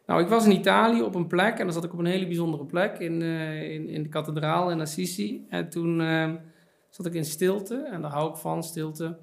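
Creaky-voiced hesitant man. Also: on the high side, steady tone, moderate pace. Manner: hesitant, many fillers and repeated words. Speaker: podcast guest, author. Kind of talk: reflective casual conversation. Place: podcast studio.

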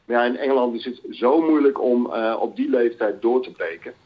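A man calling into a live football show as an analyst, lively and enthusiastic describing players. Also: mid-range voice, fairly quick. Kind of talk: casual call-in commentary. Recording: dull lo-fi phone line.

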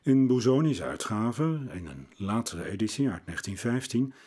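A man presenting a scripted talk on classical music, in a measured, lecturing way. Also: lowish voice, lively intonation, a little mellow, slightly rough. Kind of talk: scripted narration.

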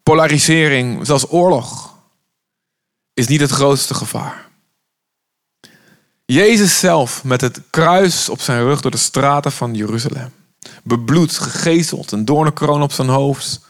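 A man's voice: medium pitch, measured pace. Impassioned male preacher. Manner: urgent, impassioned preaching, acting out Jesus' words. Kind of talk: sermon.

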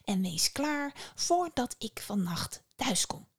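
A woman's voice: a little high, sing-song, takes it slowly, slightly rough, voice pushed up, exaggerated voice. Woman voicing a mocking, tipsy goddess. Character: haughty tipsy goddess, female, sharp-tongued.

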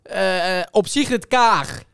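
A man's voice: fairly high pitch, lively intonation, brisk, background noise. A man co-hosting a casual comedic podcast, ranting in mock anger and laughing. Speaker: podcast co-host.

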